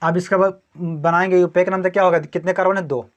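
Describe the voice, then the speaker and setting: A man's voice: high-pitched, steady tone, a little fast. A male chemistry teacher lecturing a class, who keeps asking questions and answering them himself and repeats the key terms again and again.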